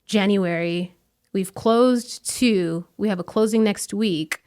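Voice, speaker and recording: A woman's voice: medium pitch, slow. A woman in her thirties from the United States, a real estate wholesaler, talking casually as an interview guest with plenty of fillers. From United States, raised in Las Vegas. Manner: chatty, relaxed, lots of "like" and "um".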